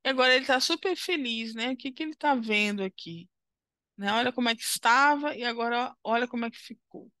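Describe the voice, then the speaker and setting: A woman's voice: on the high side, fairly quick, bright, forceful tone, dry recording, clean studio sound. A woman with a Brazilian Portuguese accent, teaching a primary school lesson as she walks through a worksheet. She talks patiently and encouragingly, often checking in with the listener.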